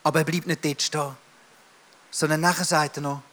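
A man's voice: on the high side, level tone, moderate pace, bright, forceful tone. A man in his thirties with a Swiss German accent, preaching a sermon emphatically and addressing the listener directly.

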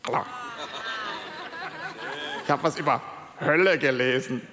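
A man voicing a dazed, muddled male churchgoer who mumbles slowly and dully. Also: medium pitch, crowd noise, background noise, pitched below the performer's own voice, natural voice. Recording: long hall reverb.

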